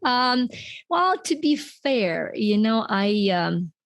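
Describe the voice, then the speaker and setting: On a recording with no echo, a slow-speaking woman with a slightly high, very animated voice shares her story. She is a middle-aged podcast guest from Ukraine who works as an author and coach, and her chatty interview storytelling is often broken by laughter mid-sentence.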